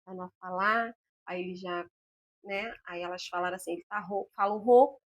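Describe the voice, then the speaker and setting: As an interview guest, this patient's mother speaks in a lowish voice at a moderate pace. She tells a personal story about her son with animation, acting out the dialogue of the people in it.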